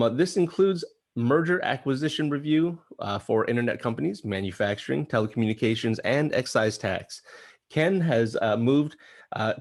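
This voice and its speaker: Male podcast co-host, low voice, reads a guest bio with frequent fillers. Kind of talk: casual business podcast.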